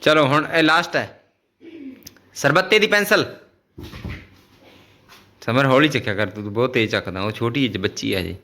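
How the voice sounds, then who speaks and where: This is a man hosting a home vlog. His voice is bright and clear at a middling pitch. He calls out items one by one and soothes the children with repeated words, over a faint background hiss. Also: quick pace. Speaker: vlogger running a family game. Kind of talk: casual family vlog.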